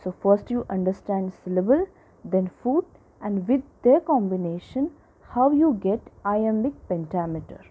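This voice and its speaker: A woman teaching a lesson to children, slowly repeating each example and checking in with her listeners. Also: medium pitch, animated, slightly rough. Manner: slow, repeats examples, checks in with "right?" and "okay?". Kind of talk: classroom lecture. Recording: tinny phone-like audio.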